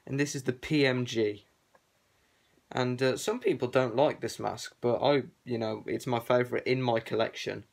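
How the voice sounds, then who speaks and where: Casual guy, voice through a cloth balaclava, offhand and rambling collector chat, average pitch. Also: steady tone, normal speed, gravelly. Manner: rambling, filler-heavy, offhand. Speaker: collector showing his gas masks. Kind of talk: casual show-and-tell vlog.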